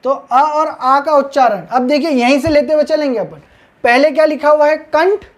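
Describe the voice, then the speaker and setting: A woman's voice: high-pitched, steady tone, moderate pace. A woman teaching grammar at a board, explaining step by step and checking in with her students after each point. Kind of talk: blackboard lesson.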